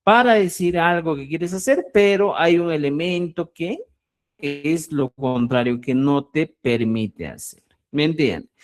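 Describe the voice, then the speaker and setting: A man teaching a Quechua lesson, often checking in with his students. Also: unhurried. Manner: lively, pitch swinging widely with frequent "¿ya?" and "¿eh?" checks. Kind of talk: online language lesson.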